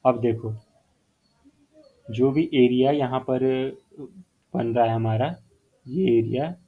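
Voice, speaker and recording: A math teacher with a mid-range voice explains his whiteboard lesson at a slow pace, step by step. Through phone-like, narrow audio, he repeats important terms and weaves in phrases in English.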